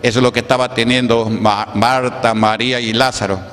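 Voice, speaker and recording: A man's voice: medium pitch, flat delivery, a little fast, a bit bright. Man preaching in an echoey hall. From Peru. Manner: preaching, rhetorical questions, checking in with the congregation. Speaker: pastor. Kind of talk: Pentecostal sermon. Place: church hall.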